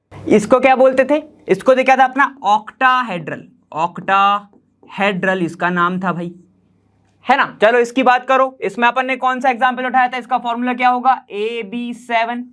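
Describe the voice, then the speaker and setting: Casual and chatty, a man teaching chemistry in an online lecture works at a board, drawing as he explains. His voice is very high-pitched and fairly bright, and he often asks whether students follow, repeating the key terms slowly.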